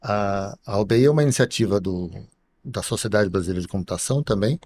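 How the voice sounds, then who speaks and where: A middle-aged man, a university professor, explaining things slowly as a podcast guest, with many pauses and tag questions. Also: fairly low pitch, a little mellow, slight background noise. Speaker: computer science professor guest. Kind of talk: podcast interview.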